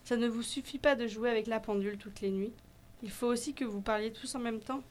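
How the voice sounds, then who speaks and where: A woman voicing a small, gentle female fairy who keeps order, in a measured storybook voice. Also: on the high side, fairly even intonation, slight background noise, natural voice. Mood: calm, firm.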